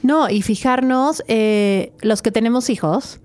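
A woman hosting an interview, lively and chatty, telling personal anecdotes. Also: fairly high pitch, slow. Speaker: podcast host. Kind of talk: conversational interview.

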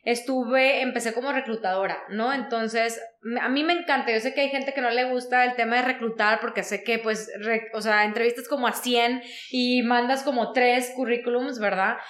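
A woman from Mexico, a human resources consultant telling her life story in an interview, animated and full of fillers. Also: a little high, normal speed, hardly any pauses, echoey room. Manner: animated, frequent fillers like "o sea" and "¿no?". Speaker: guest, HR consultant.

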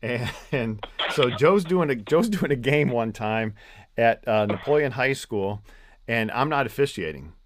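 A man's voice: mid-range voice, animated, measured pace. Man hosting a laid-back podcast chat. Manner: laughs easily, leads the conversation. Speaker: podcast host, basketball referee.

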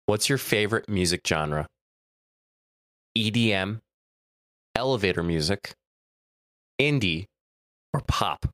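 A man's voice: lowish voice, expressive, slow, pauses often, a bit bright, no echo, studio quality. A man hosting a casual chat, reading out quiz questions with a playful manner and frequent laughs. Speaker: host.

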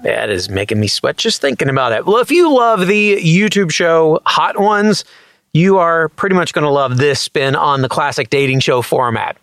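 A man hosts a TV recommendation segment, reading his script with an upbeat, playful promo energy. His voice sits high and leaps around a lot. It is recorded dry and close, with light music underneath. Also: a bit bright, no echo. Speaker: entertainment show host.

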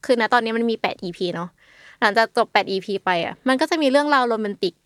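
A woman's voice: a little high, lively intonation, quick pace, no room sound. Chatty young woman, dry close mic. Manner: chatty, refers to herself by nickname. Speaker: podcast co-host. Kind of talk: casual chat.

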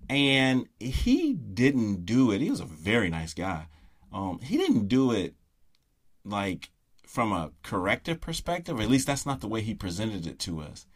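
Middle-aged guy with a low voice doing a casual podcast monologue, leans hard on key words. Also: very animated, unhurried. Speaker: podcast host, soccer parent.

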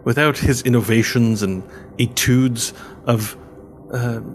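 A man voicing a polite, earnest elf chauffeur in a tabletop game, speaking formally and haltingly. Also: mid-range voice, fairly even intonation, natural voice. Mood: admiring, earnest. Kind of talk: tabletop role-play.

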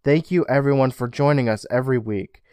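A man hosting a podcast, reading announcements and retelling TV scenes in an animated way. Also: mid-range voice, a little fast, faint music behind. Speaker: podcast host. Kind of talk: casual podcast recap and announcements.

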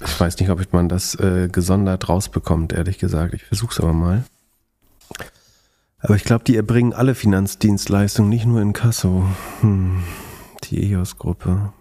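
A man's voice: deep voice, fairly even intonation, moderate pace, dark tone. A man hosting a podcast, chatting casually and analytically about finance, often thinking aloud hesitantly.

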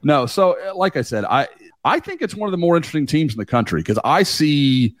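A man guesting on a sports podcast, talking in a rambling, animated way and swearing casually. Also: fairly high pitch, a little fast, no echo, studio quality. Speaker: guest, team beat writer.

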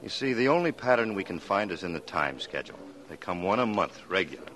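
A weary police detective in a vintage radio drama. His voice is very deep, and he speaks in a plain, matter-of-fact way. He reports the case evenly. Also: very animated, fast, a bit bright. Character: Brub, tired police detective husband. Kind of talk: 1940s radio acting.

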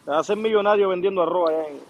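A man's voice: high-pitched, racing, dull audio. A man teasing someone mockingly during a live argument.

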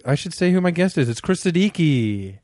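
A man's voice: a little high, very animated, normal speed, a little mellow, dry recording, studio quality. A man hosting a podcast with casual, joking chat in a small room. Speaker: podcast host.

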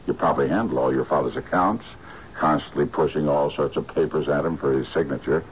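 An actor playing a shrewd private detective in a drama, talking in a dry, deliberate, sardonic way. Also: male voice, rumbling low, lo-fi sound, a little hiss or hum. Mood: sardonic, scornful. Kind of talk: screen drama acting.

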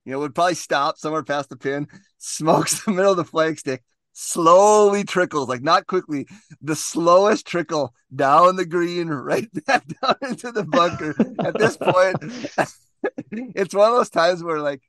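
A man's voice: fairly high pitch, a little slow, fairly bright tone, dry recording, studio quality. A man co-hosting a casual golf podcast, telling a story and laughing as he goes. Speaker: podcast co-host. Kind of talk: casual chat.

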